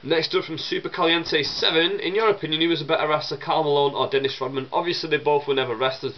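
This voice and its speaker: In a lo-fi clip, a young man with a medium-pitched voice answers viewer questions for his vlog. His cold has made him chesty, so he coughs and sniffles while he rambles in a chatty way, often restarting and using fillers.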